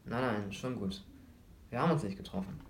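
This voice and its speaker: A man's voice: lowish voice, brisk, creaky, slight background noise. A man voicing an anxious teenage boy who gets agitated and defensive. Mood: nervous.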